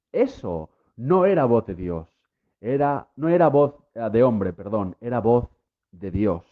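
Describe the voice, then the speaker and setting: A man preaching a sermon to listeners at home, emphatic, with repeated refrains that build to impassioned peaks. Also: medium pitch. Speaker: lay preacher. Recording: tinny phone-like sound.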